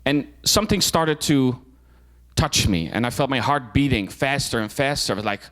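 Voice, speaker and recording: In a personal talk to a club audience, a young adult guest speaker from the Netherlands uses an expressive, mid-range voice with a fairly bright tone at normal speed. He speaks informally, with many fillers and sentence restarts.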